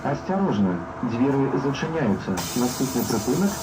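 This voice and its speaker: Man announcing stops over bus PA. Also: medium pitch. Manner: measured, formal, even delivery. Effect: played over a bus PA loudspeaker. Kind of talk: prerecorded transit announcement. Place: inside a moving city bus. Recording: echoey, distant, noisy bus interior.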